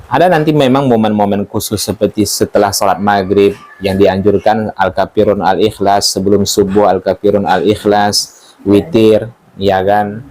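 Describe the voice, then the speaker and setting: A man's voice: lowish voice, steady tone, normal speed, a little mellow. Man teaching a casual Quran study. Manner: informal, joking, asks the audience questions. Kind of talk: religious study lesson.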